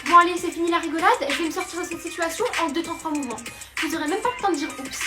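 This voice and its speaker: A man's voice: very high voice, reverberant, music in the background, pitched above the performer's own voice. A young man voicing a cheeky teenage brother who mocks and slips away from trouble. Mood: sly. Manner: mocking, quick.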